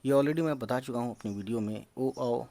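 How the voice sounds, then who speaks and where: Male teacher, slow patient spelling drills, English words slipped in. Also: mid-range voice, dark tone, no room sound. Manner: slow, patient syllable-by-syllable sounding out; mixes English words into explanations. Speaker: Urdu teacher.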